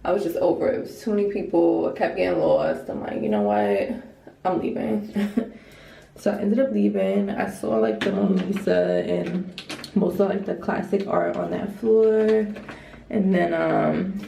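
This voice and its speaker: A woman's voice: lowish voice, lively intonation, normal speed, gravelly, mellow, roomy sound, a little hiss or hum. A young woman vlogging casually about her trip, rambling and filling every sentence with "like". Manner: chatty and rambling, says "like" constantly. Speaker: travel vlogger. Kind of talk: casual chat to camera. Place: hotel room.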